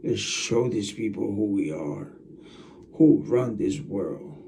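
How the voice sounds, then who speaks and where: Rambling man with a dark, mellow voice. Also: on the low side, animated, takes it slowly, recorded from a distance. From United States. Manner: rambling, repeats himself, talks straight to viewers. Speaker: channel host. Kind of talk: casual vlog monologue.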